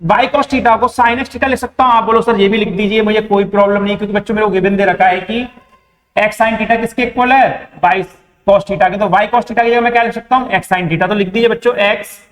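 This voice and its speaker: Young Indian man, high voice, math teacher who asks questions and answers them himself, recorded in a reverberant room. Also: moderate pace. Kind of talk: board-exam math lesson. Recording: echoey room with long reverb.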